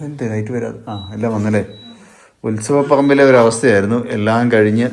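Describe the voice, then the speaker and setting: A woman's voice: extremely low pitch, a little fast, a little mellow, slight background noise. A woman chatting casually in a home vlog, teasing and coaxing small children outdoors and then inside the house. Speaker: family vlogger.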